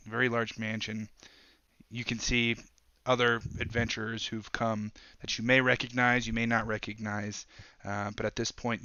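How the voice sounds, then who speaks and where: A man running a tabletop game as dungeon master, setting the scene in an even, level delivery full of ums and uhs. His voice is bright and clear but comes through a slightly dull, muffled microphone. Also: fairly low pitch, dry recording. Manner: halting, with many ums and uhs.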